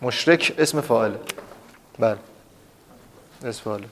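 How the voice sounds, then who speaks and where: A man's voice: medium pitch, slight background noise. A man teaching a class, quizzing students with repeated questions and drilling terms emphatically. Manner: repetitive quizzing, asks and answers his own questions. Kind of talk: classroom lesson.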